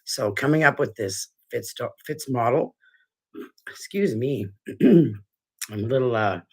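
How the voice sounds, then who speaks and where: At home in his living room, a dog trainer who hosts a weekly show talks casually to the camera. His husky, mid-range voice is stuffy and congested, with a darkish tone, and he speaks animatedly but a little slowly. He's earnest and tends to ramble, often restarting his sentences.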